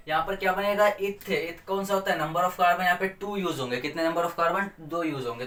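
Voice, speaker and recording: A male teacher leads a chemistry revision in a slightly higher, fairly bright voice, playfully quizzing the class and answering his own questions. The room is echoey, and he's a few steps away from the mic.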